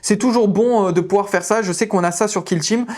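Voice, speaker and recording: A woman with a French accent hosting a tabletop game channel, chatting through new rules with lots of fillers and halting English readings. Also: medium pitch, a little mellow. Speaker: tabletop game video host. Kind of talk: casual rules explanation to viewers.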